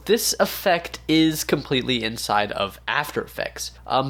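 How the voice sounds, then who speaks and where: A man with a sick voice, casually walking viewers through a software tutorial with lots of filler words. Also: mid-range voice. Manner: casual, easygoing with frequent fillers. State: sick, congested voice. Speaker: tutorial host. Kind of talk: screen-recorded software tutorial.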